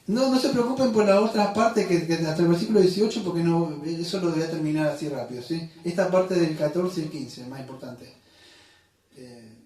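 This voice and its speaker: A man's voice: sits high, darkish tone. A man preaching a sermon as pastor, talking conversationally, correcting himself and quizzing the congregation. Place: church hall. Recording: echoey room, mic at a distance.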